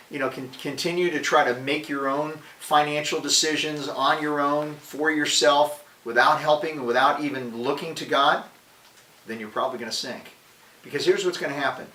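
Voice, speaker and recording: Male podcast host, bright forceful tone, energetic and conversational preaching, roomy sound off-mic. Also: a little high, recorded from a distance. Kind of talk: casual devotional talk.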